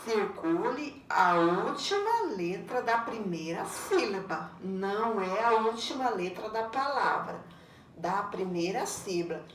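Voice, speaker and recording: A woman's voice: mid-range voice, lively intonation, takes it slowly, a little hiss or hum. A Brazilian woman teacher giving a patient video lesson to children, repeating each instruction and often checking with "né?". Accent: Brazilian Portuguese. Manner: patient, repeats instructions, many "né?" tag questions. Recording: roomy echo, far from mic, faint ambience.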